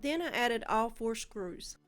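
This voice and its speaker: A woman's voice: a little high, animated, slow pace, soft background music. A woman with a Southern American accent narrating a home DIY project in a friendly, step-by-step way. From Southern United States. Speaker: DIY channel host. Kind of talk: instructional voice-over narration.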